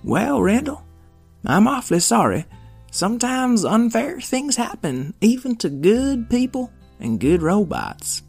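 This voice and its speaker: A man's voice: very high voice, sing-song, unhurried, creaky, a little mellow, husky, faint music behind, pitched above the performer's own voice, full character voice. A man voicing a wise, kindly old robot with a folksy old-timer manner in a children's audio story. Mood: folksy, consoling.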